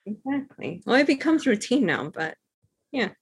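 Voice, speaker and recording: A woman's voice: a little high, sing-song, moderate pace, husky. A woman from Cuba, a guest on a casual video call, chatty and agreeable.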